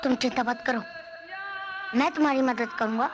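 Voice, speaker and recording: Brief: female actor as sheltered young prince, soft and reassuring, slightly high voice. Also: fairly even intonation, normal speed, muffled recording, over loud music, lightly acted. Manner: gentle, reassuring.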